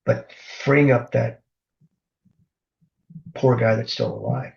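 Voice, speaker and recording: A man's voice: medium pitch, fairly even intonation, slow, gravelly, a little mellow. Man on a glitching, breaking-up video call. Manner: thinks aloud, restarting words mid-sentence. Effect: choppy, glitching internet audio that breaks up. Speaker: discussion group participant. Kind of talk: philosophical discussion on a video call. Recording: dull lo-fi video call audio from a distance.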